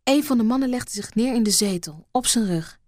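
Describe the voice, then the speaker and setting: A woman reading an erotic story aloud in a soft, hushed voice that slips into whispers. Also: fairly high pitch, animated, brisk, no echo, clean studio sound. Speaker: narrator.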